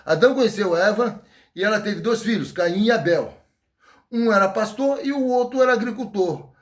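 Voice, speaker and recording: A man's voice: high voice, moderate pace. A man with a Brazilian accent preaching an informal sermon in a folksy, joking way, acting out scenes. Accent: Brazilian Portuguese. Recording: echoey room.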